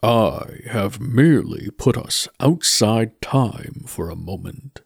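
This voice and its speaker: A man voicing Death, a calm, courteous male skeleton, speaking slowly and gravely with a hollow, otherworldly tone. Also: on the low side, dry recording, studio quality, heavily acted. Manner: slow, measured, grave delivery.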